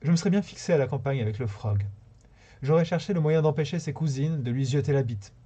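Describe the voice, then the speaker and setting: A man reading a short story aloud on a live stream, unhurried, now and then stumbling and rereading a phrase. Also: fairly high pitch, mellow, breathy edge. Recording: slightly dull lo-fi sound.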